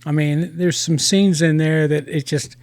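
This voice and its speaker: A man hosting a casual review podcast, talking in halting starts with many restarts. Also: a little high, steady tone, a little mellow, dry recording.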